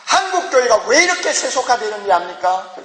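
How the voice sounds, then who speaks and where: A man's voice: extremely high pitch, big pitch swings, fairly quick, bright, forceful tone. A man preaching a sermon as pastor, emphatic, with rhetorical questions and exclamations, in a large church hall. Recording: echoey church hall with long reverb.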